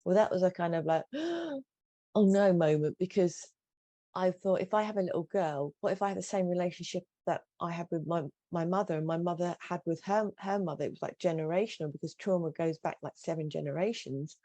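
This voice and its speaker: On an interview show, a middle-aged guest coach recounts her life, speaking in a fairly low, mellow, steady voice at an unhurried, earnest pace with many restarts. Little room sound comes through in the dry recording.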